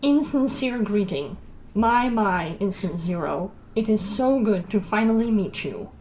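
A woman's voice: mid-range voice, animated, unhurried, a little mellow, a little hiss or hum, close to an everyday voice, rough recording. A woman voicing an arrogant male combat droid in a tabletop game, boastfully announcing each kind of sentence. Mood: mocking. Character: sleek new male combat droid, arrogant, mocking villain. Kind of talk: tabletop role-play.

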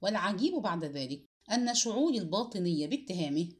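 Lively woman narrating a story. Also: lowish voice, fast. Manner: expressive, dramatic storytelling. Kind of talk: dramatic audiobook narration.

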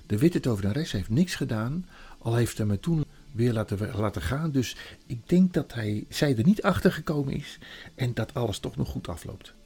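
A man voicing an excited young girl, earnest and eager, with a husky, gravelly tone. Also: mid-range voice, moderate pace.

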